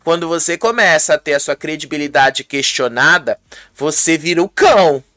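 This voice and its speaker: An entertainment journalist from Brazil recapping reality show drama in a chatty way, acting out the quotes and tagging lines with quick asides. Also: mid-range voice, lively intonation, sharp tone, no echo, studio quality. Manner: retells dialogue, acting out the quotes; conversational, tags lines with "tá?".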